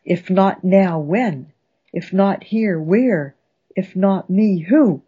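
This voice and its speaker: A woman hosting a radio poetry show, reading and reciting poems with slow, dramatic relish. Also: medium pitch, expressive, breathy edge, dull audio. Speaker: radio host and poetry professor.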